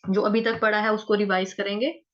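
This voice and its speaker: A woman teaching how to chant verses, reciting slowly and breaking words into syllables to repeat them. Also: medium pitch, level tone, dull audio. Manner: slow, drawn-out chanting of verses. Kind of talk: Sanskrit recitation lesson.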